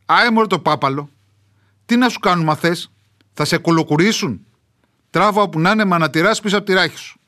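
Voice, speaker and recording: A folksy, gruff old-fashioned ranch owner, put on by a male storyteller, talks in a heavy rustic mountain Achaean Greek dialect. His voice sits a touch high and carries a fatherly warmth in its plain way of talking. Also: pauses often. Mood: brisk, advising.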